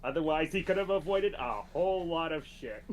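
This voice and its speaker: Dude with a bouncy up-and-down voice tossing off dry comments, kinda high. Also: male voice, expressive, brisk, dull audio, slight background noise. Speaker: co-host. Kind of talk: casual reaction chat.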